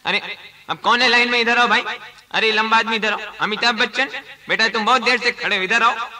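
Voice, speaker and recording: A comedian running an audition as a bossy director, scolding and calling people forward. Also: male voice, extremely high pitch, fairly even intonation, brisk, pushed and bright, echoey room, low-quality recording. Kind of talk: comic sketch.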